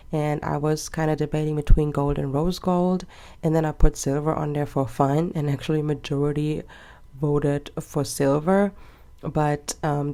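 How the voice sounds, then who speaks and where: A woman in her twenties with a low, creaky voice chats casually as a planner vlogger while decorating her planner. She rambles a little and laughs softly as she talks through her planning.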